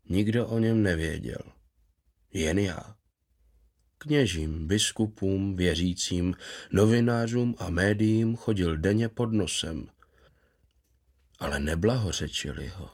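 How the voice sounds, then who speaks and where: A man reads a first-person story in a calm, reflective, measured way. His voice sits low and steady as he narrates. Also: breathy edge.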